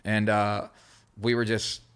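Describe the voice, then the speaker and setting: Slow and flat, his clean, slightly bright voice stays fairly low as he talks. He's a creative director on a podcast, a native Hebrew speaker born in Israel who grew up in California, and his rambling, slangy storytelling is packed with fillers and abandoned-then-restarted thoughts.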